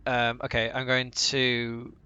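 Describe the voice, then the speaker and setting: A man playing in a tabletop game, chatting casually and excitably, swearing often. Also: medium pitch, slow, smooth, dull audio. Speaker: player.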